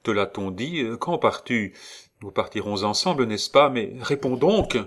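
A man's voice: medium pitch, animated, unhurried, fairly bright tone, voice pushed up. A man reading a novel aloud, voicing a devoted young woman in an impassioned, eager way. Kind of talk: audiobook reading of a classic novel.

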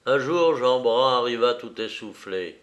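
A man reading a novel aloud as a narrator, measured and deliberate. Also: mid-range voice, animated, a bit bright. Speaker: audiobook reader.

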